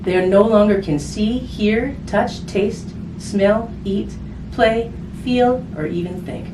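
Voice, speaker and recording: A woman with a mid-range voice reads a picture book aloud to children at a slow pace. Her style is chatty and simple, with tag questions and offhand asides aimed at the kids. A distant mic gives a roomy sound with background noise.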